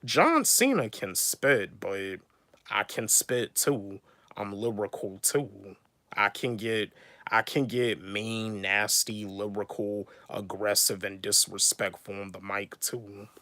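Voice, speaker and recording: A YouTuber and rapper in his twenties chats casually on a livestream, restating each point and calling out viewers by name as he answers them. His fairly low voice is slow, pushed and bright, and the recording is dry.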